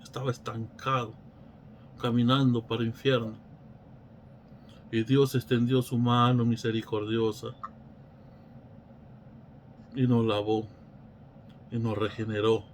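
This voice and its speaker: A man's voice: medium pitch, little pitch movement, a little slow, pauses often, a little hiss or hum. A man teaching a Bible study in a preacherly way, asking rhetorical questions and often restarting his phrases.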